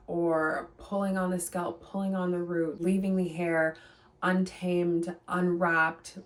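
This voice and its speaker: A woman talks straight to her viewers about hair care, her voice sitting a little low for a woman. She hammers her points home with repetition and a firm, reassuring coaching tone. The mic is set a little away from her. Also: distant mic. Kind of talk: direct-to-camera advice vlog.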